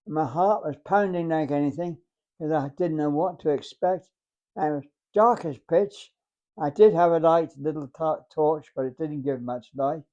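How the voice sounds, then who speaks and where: Very old Englishman, halting and mellow. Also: a little high, muffled recording. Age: 100. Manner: halting, deliberate, acts out remembered dialogue. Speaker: war veteran. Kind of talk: unscripted reminiscence, storytelling.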